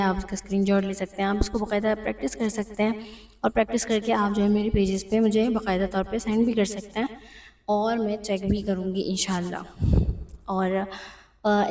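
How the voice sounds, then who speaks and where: A woman's voice: mid-range voice, mellow. Patient Urdu-accented woman teacher, distant and roomy. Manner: patient, repeats key points, mixes English terms into her talk. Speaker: English teacher. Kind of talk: explaining a lesson over slides.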